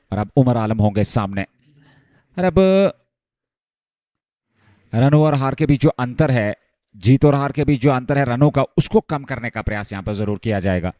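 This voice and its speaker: A man commentating live on a cricket match, getting excited as the play heats up. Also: medium pitch, no echo, studio quality.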